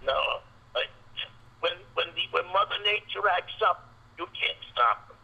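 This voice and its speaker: A man calling in to a talk show over a phone line that keeps breaking up, speaking haltingly and repeating his words. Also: high-pitched, expressive, gravelly, sharp tone, breathy edge. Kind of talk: casual phone call. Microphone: telephone.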